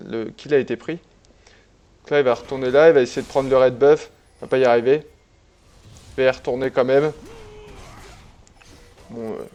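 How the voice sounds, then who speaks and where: A man casually commenting on a replay of his own online game, relaxed and chatty, with many fillers and restarts. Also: medium pitch.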